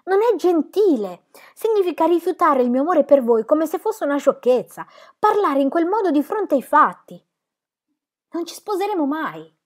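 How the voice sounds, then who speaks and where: A woman's voice: fairly low pitch, fairly quick, darkish tone, close to an everyday voice. A woman reading aloud, voicing a proud, poor young man in love who bursts out in bitter anger. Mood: angry.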